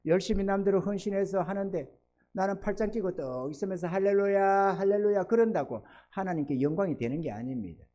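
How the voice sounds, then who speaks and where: A middle-aged pastor preaching a sermon, animated, often acting out voices in his preaching and calling for amens. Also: high-pitched, a little fast. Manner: animated preaching, acts out God's and believers' voices, calls for amens.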